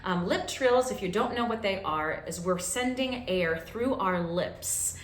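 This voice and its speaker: An encouraging woman vocal coach guides singers through a daily warm-up, checking in often with her listeners. Her voice sits in a middle pitch and rings in a roomy, echoing space. A faint ambient noise runs underneath. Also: animated, unhurried. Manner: encouraging, coaching with frequent "okay?" check-ins.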